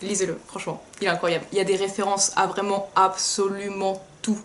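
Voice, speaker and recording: A woman's voice: mid-range voice, level tone, fairly quick, a little hiss or hum. A tired young woman co-hosting a book video, bubbly and self-mocking as she chats. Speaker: book channel co-host. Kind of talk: casual chat.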